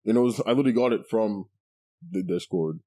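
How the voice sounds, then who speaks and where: A man's voice: fairly low pitch, fast talker, dark tone, dry recording, studio quality. A man co-hosting a podcast, chatting casually with profanity, sarcasm and frequent laughter. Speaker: podcast co-host. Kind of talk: casual chat.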